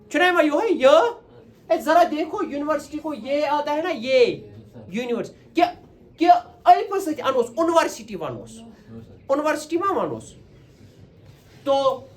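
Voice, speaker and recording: A man teaching English grammar to a class, repeating points and quizzing his students. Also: extremely high pitch. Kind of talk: classroom lecture.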